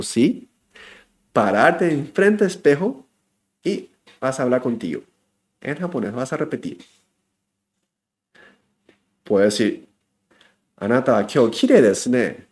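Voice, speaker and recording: A man speaking gives a casual lesson. He swings from low, soft asides to bright, excited highs. He repeats key phrases for emphasis. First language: Japanese. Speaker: Japanese teacher.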